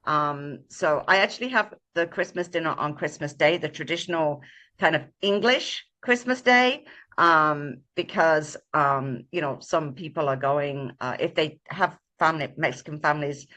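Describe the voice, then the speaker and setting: Woman, warm mellow tone, lowish voice, halting speech full of ums, video call. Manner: halting, many ums and uhs. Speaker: guest. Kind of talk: casual sharing on a live show.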